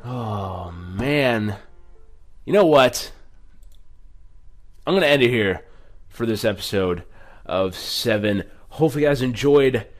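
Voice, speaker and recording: This let's play host has a medium-pitched, animated voice and a slow pace. He reads the game's text out loud, reacts casually, and keeps tripping up and correcting himself, with music in the background.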